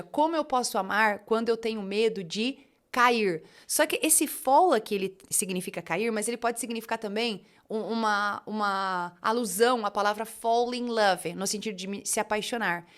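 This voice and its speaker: A young adult woman teaching an online English lesson in a chatty, encouraging way, drilling phrases slowly for students to repeat. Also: mid-range voice.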